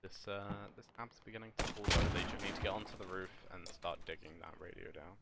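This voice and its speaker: A man co-commentating a team shooter match with calm, measured analysis. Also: low voice, vocal fry, very noisy. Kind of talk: casual esports commentary. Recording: loud game gunfire and artillery behind.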